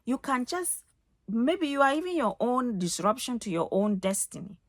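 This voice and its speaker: A woman's voice: a little high, very animated, moderate pace, dry recording, clean studio sound. A woman, giving life advice in a casual home vlog, preachy and emphatic, repeating phrases for stress. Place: home, getting ready for the day.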